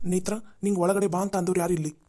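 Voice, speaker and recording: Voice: mid-range voice, fairly even intonation, quick pace, dark tone, close to an everyday voice. Voice actor as an angry short-tempered boss. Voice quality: curt, threatening. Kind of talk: cartoon voice acting.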